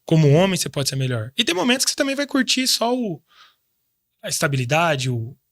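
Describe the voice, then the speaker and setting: A man's voice: fairly high pitch, very animated, fairly quick, fairly bright tone, no room sound, clean studio sound. A man in his thirties from Brazil, a guest in a casual interview, talking in a reflective, faith-driven way with frequent restarts. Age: 30s. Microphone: studio microphone.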